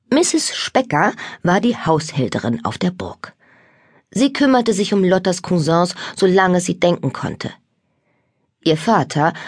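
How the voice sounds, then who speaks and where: Female narrator for a children's audiobook: expressive and animated, husky, dry studio sound. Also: lowish voice, no echo. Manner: lively, expressive storytelling.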